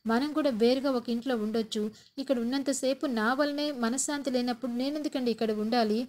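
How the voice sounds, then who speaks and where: A woman's voice: on the high side, steady tone, a little fast, darkish tone, lightly acted. Woman reading a hurt, tearful young daughter-in-law. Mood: aggrieved. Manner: pleading, complaining.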